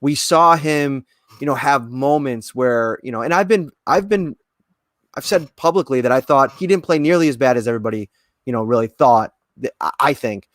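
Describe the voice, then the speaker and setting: A man's voice: mid-range voice, normal speed, fairly bright tone, no room sound, clean studio sound. Chatty man hosting a sports podcast. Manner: chatty, many fillers and restarts. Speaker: podcast co-host. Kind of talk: casual sports talk show.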